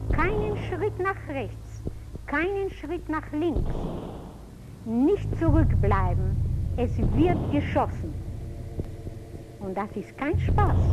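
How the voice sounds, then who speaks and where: A woman with a high voice recounts her memories as spoken testimony, unhurried and grave, often circling back to the same words. The recording is dull and lo-fi, with loud gunfire and rumbling vehicles over it. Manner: slow, grave storytelling with repeated phrases. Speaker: witness recounting prison camp memories. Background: loud artillery fire and vehicle noise.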